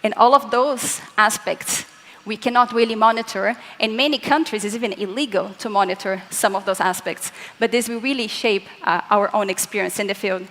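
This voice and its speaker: Speaking English as a second language, a young Latin American physicist presents on stage in a large conference hall, her medium-pitched, slightly bright voice moving at a normal speed. She explains earnestly and talks straight to the audience. The big room adds noticeable hall reverb.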